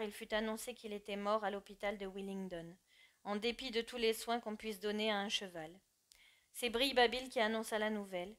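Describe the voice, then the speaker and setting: A woman narrating an audiobook with an expressive and measured reading. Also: medium pitch.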